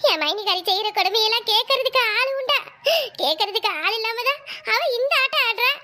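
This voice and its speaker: A whiny, scheming young sister-in-law from a village cartoon comedy, voiced by a woman. Her voice is very high and bright, and she grumbles and wails over her troubles. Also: brisk, a little hiss or hum. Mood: wailing. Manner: wailing, complaining village comedy lament.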